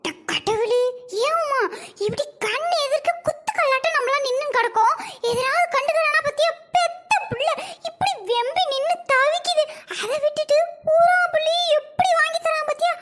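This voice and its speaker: A woman's voice: extremely high pitch, expressive, fairly quick, sharp tone, faint music behind, heavily acted. A woman acting a jealous, sarcastic wife who nags and grumbles in a comedy sketch. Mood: grumbling. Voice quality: sarcastic, nagging. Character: jealous sharp-tongued wife, middle-aged.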